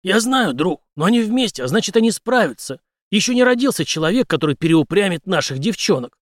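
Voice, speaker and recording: A man voicing a determined former captain who speaks forcefully to his friends. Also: high voice, big pitch swings, a little fast, no room sound, clean studio sound, voice pushed up. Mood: resolute. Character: resolute male ex-captain, a devoted husband.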